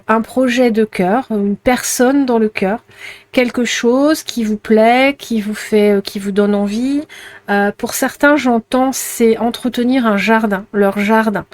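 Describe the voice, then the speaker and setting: A woman giving an intuitive tarot reading to her viewers, gentle and chatty, with many fillers and repeated words. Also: on the high side. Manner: speaks to unseen spirit guides while drawing. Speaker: tarot card reader.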